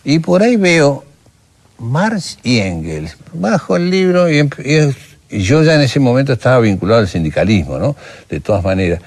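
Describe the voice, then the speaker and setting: An older man with a mid-range voice and moderate pace speaks Argentine Rioplatense Spanish in a documentary interview. Recounting his memories, he tells them animatedly and acts out the conversations he remembers.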